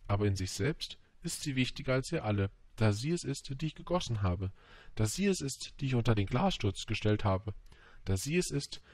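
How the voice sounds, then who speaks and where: A man voicing a gentle, earnest little boy prince in an audiobook, speaking in a slightly raised voice. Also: medium pitch, lively intonation, moderate pace, dry recording. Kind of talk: audiobook reading.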